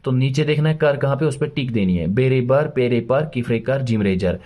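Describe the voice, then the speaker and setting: A man's voice: medium pitch, animated, mellow. A man teaching a first-grade lesson, spelling words letter by letter and patiently encouraging young pupils. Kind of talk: children's alphabet lesson.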